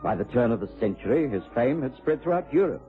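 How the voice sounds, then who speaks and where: An actor playing an amiable, articulate British gentleman doctor, acting and narrating in a period radio drama. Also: medium pitch, very animated, close to an everyday voice. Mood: reminiscing. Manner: measured, articulate, genteel. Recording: tinny vintage radio broadcast, faint music.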